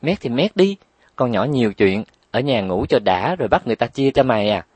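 A man's voice: medium pitch, lively intonation, darkish tone, husky, no room sound. A man voicing a spoiled little girl who whines and snaps back sassily. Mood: sassy. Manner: whining, sassy, quick retorts. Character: bratty, whiny little girl.

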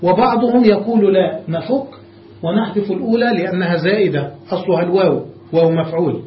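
A man's voice: high-pitched, quick pace, a little hiss or hum. A man teaching a classroom grammar lesson, explaining step by step and often stopping to check that his students follow. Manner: explains step by step, checks understanding with repeated questions. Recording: dull echoey classroom recording.

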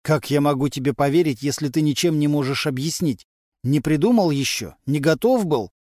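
A man voicing a calm, stern male police captain questioning a suspect in firm, measured tones. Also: a little high, dry recording, studio quality, natural voice.

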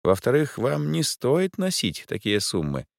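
A man voicing a calm, courteous older professor who speaks in a measured, slightly lofty way. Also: mid-range voice, gravelly, no echo, clean studio sound, pitched above the performer's own voice, heavily acted. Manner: measured, polite, faintly lofty.

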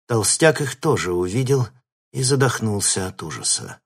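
Man, audiobook narrator, scripted narration, low voice, husky. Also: normal speed. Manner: steady storytelling.

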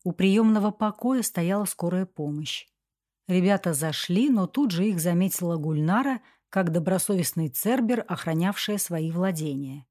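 A woman reading an audiobook as narrator in a steady, even storytelling manner. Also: fairly low pitch, moderate pace, no room sound, studio quality. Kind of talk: scripted narration.

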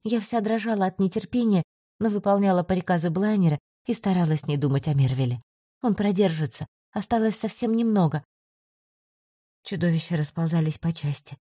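Mellow-voiced woman narrating a story. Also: lowish voice, a little fast, dry recording, clean studio sound. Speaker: audiobook narrator. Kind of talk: first-person scripted narration.

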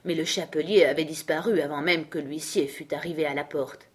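A woman reading a storybook aloud as audiobook narrator, in a steady, even style. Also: low voice, fairly quick, breathy edge. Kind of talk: scripted narration.

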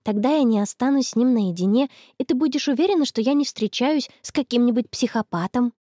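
A woman voicing a dreamy, stubborn teenage schoolgirl in love, in a storybook, soft and a little touchy. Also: on the high side, a little fast, no echo, studio quality, natural voice.

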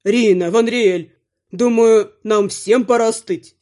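Woman playing a scheming son-in-law, forceful, lowered voice, audiobook character. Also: slow pace. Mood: smooth. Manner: barking, forceful outbursts.

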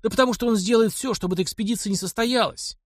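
A man's voice: sits high, rapid-fire, no echo, studio quality, voice pushed up. A man voicing an elderly professor in an audiobook, eager and insistent, huffing when doubted. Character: elderly male professor, excitable and proud. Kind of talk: audiobook character reading.

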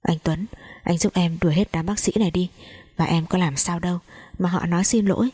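A woman's voice: lowish voice, steady tone, a little fast, dark tone, husky, no echo. Woman reading a grieving young heiress. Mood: pleading. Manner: pleading, broken speech. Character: young woman, twenty, grief-stricken rich heiress.

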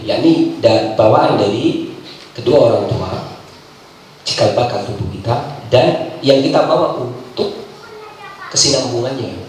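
A man's voice: medium pitch, a little mellow, slight background noise. A man giving a chatty religious talk to an audience, telling stories with jokes and rhetorical asides. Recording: echoey room from far off with faint ambience.

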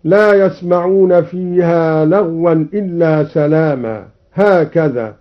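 A man introducing a Quran recitation on the radio, who explains the reading variants in a measured way and then chants each verse example. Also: a little high. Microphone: studio broadcast microphone. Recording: slightly dull archival radio recording.

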